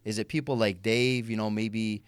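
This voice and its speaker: A man's voice: fairly low pitch, fairly even intonation, moderate pace, clear, resonant tone, no echo. A man hosting a casual podcast interview, asking his guest questions in an easygoing way. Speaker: podcast host.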